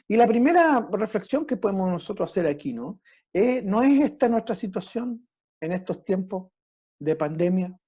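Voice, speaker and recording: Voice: medium pitch, a little mellow. A preacher giving a reflective sermon who often checks in with the listeners through tag questions and sometimes stops to restart. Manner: halting, with restarts.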